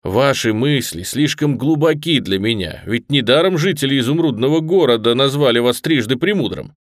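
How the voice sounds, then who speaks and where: A man voicing an excitable fawning timekeeper. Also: medium pitch, brisk, gravelly, no room sound, studio quality. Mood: pleading. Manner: excitable, pleading. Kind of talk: audiobook character reading.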